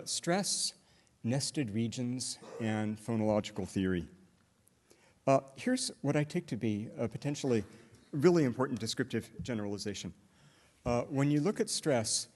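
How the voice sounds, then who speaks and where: Medium in pitch and somewhat dark in tone, a middle-aged linguistics lecturer talks through examples step by step at an academic conference. His delivery is halting, peppered with "uh" fillers and restarts.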